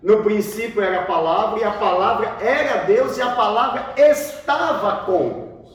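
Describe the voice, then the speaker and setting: The speaker is a Brazilian pastor whose voice sits high and moves unhurriedly as he gives a theology lesson, quizzing his students on the Bible and repeating their answers. His accent is Brazilian Portuguese, and he's captured from far away in a big echoey room full of students, with a little noise.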